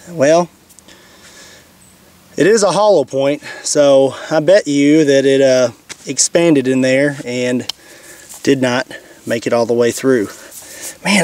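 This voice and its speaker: A young man with a Kentucky accent hosts a shooting channel, giving casual demo narration out in an open field. His medium-pitched, darkish voice is plainspoken and easygoing as he thinks aloud, picked up by a camera mic that's sometimes at a distance.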